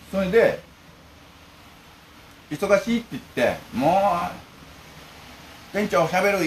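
A man's voice: mid-range voice, a little hiss or hum, rough recording. A talkative middle-aged man, the manager of a bento shop, telling stories in casual chat. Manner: talkative, lively storytelling.

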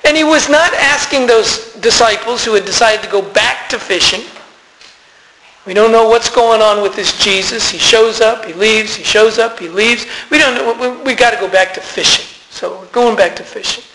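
A man's voice: high voice, moderate pace, long reverb tail, background noise. A man preaching a sermon in a conversational way, calling out to the congregation for responses. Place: church sanctuary.

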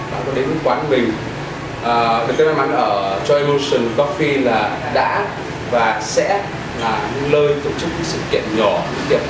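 A man in his thirties, a cafe owner, answering interview questions earnestly with many hesitant fillers, inside a small cafe. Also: mid-range voice. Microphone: far camera. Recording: echoey room, from far off, noisy.

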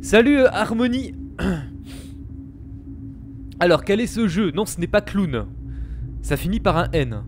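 A man hosting a live let's-play, chatting to his viewers and reacting excitedly to the game. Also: high-pitched, a little hiss or hum. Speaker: gaming streamer, host.

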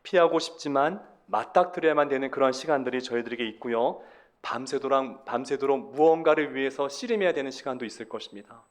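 A man's voice: mid-range voice, brisk. A male pastor preaching a sermon, stressing words emphatically and asking the congregation rhetorical questions.

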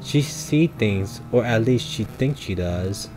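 A man's voice: fairly low pitch, expressive, slow pace, a little mellow, faint music behind. Man reading as a guilt-ridden old soldier. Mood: somber. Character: guilt-ridden former male army soldier.

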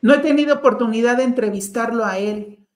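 A woman interviewer, asking measured, probing questions. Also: a little high, echoey room.

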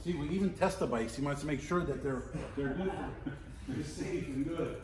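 A middle-aged man giving a casual walking tour of a large warehouse as an auctioneer, chatty and playful, listing items in quick repeats. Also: fairly high pitch. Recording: roomy warehouse echo, faint background noise.

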